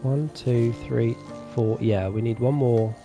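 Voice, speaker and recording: Over background music, a man with a medium-pitched voice talks slowly while streaming a farming game. Relaxed and chatty, he hangs out with his viewers and reads their chat messages out loud.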